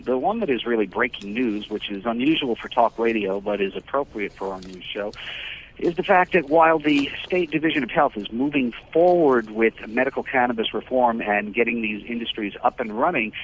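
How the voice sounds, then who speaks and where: A man co-hosting a radio news show, calling in over a landline phone and speaking haltingly with many filler pauses and restarts. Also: mid-range voice. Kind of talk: talk radio news report. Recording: tinny landline phone line.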